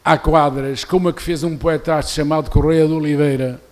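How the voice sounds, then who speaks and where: A man's voice: on the high side, fairly even intonation, a little fast. An older man from Portugal with a European Portuguese accent, giving an academic lecture in a university auditorium, talking in a discursive way with many restarts. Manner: discursive, many restarts, reads quoted verses aloud more loudly.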